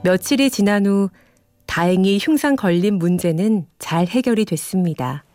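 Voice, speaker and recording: A woman's voice: medium pitch, normal speed, darkish tone, soft background music. A woman reading scripted documentary narration.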